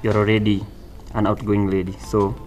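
A man's voice: lowish voice, monotone, normal speed, darkish tone, faint music behind. Confident young Kenyan man. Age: 20s. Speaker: dating show contestant.

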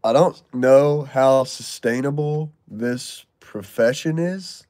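A man's voice: mid-range voice, takes it slowly, darkish tone, no echo, clean studio sound. A man hosting a casual live stream from a garage, answering viewer messages with loose, profane, joking banter. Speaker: live stream host reading chat.

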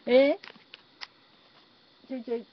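A woman live-streaming from her phone, chatting casually and thanking viewers for their comments as she builds. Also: sits high. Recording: slightly dull phone stream audio, faint noise.

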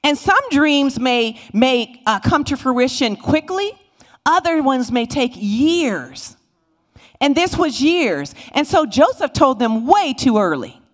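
Animated woman teaching Sunday school. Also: high-pitched, takes it slowly. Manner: animated storytelling, voices the Bible figures. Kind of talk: Bible lesson teaching. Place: church sanctuary. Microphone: handheld microphone.

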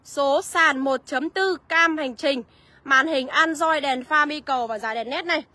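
A woman selling used cars on a live walkaround, listing prices briskly and calling out to viewers by name. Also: high-pitched, bright, forceful tone, no room sound. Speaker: used car seller.

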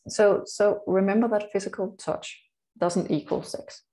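A woman's voice: mid-range voice, a little slow, dark tone. A woman co-hosting a casual podcast chat, rambling and laughing as she corrects her own words. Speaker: co-host.

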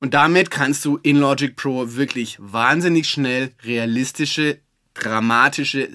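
A man giving a relaxed, chatty music-software tutorial, with fillers and self-corrections. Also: mid-range voice, no room sound, studio quality. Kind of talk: screen-recorded software tutorial.

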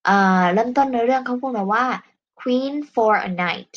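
A woman with a Thai accent teaching an English lesson, explaining patiently in a slow, polite way. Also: a little high, lo-fi sound. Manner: patient, explains slowly, ends phrases with polite particles.

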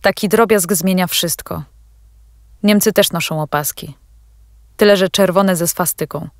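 A woman reading the lines of a calm, serious father in an audiobook, speaking in a quiet and measured way. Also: lowish voice, no echo, clean studio sound. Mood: grave. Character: calm grave adult father, stern.

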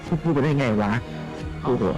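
A man's voice: music in the background, rough recording. A man arguing heatedly with a fellow gamer, firing off pointed questions. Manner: rapid and confrontational, pressing with questions. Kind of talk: heated argument.

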